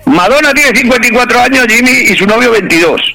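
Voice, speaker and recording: A man's voice: very high-pitched, expressive, fast talker, sharp tone, faint music behind, rough recording. A man telling jokes on morning radio, laughing at his own punchlines and swearing casually. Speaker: radio joke teller. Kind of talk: rapid-fire radio joke telling.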